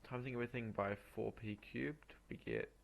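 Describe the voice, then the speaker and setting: A man working through exam problems aloud as a tutor, halting and muttering through each step in an informal way. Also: medium pitch, fairly even intonation, vocal fry. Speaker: maths tutor. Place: voice-over on a screen recording.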